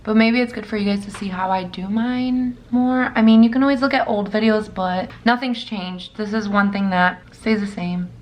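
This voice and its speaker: A raspy-voiced woman in her thirties, chatting casually as she walks through a makeup tutorial. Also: medium pitch. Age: 30s. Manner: rambling, chatty, narrating as she works. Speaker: makeup vlogger.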